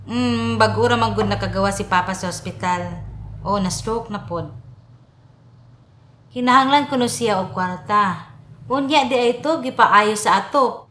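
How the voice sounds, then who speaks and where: A woman's voice: mid-range voice, moderate pace, long pauses, fairly bright tone, echoey room, slight background noise, close to an everyday voice. An actress with a Filipino accent playing a homesick caregiver who switches between English and Cebuano on phone calls. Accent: Filipino, Cebuano-speaking. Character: homesick Filipina caregiver, young woman, busy and tender. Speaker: Filipino home caregiver in a short film. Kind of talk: film drama acting.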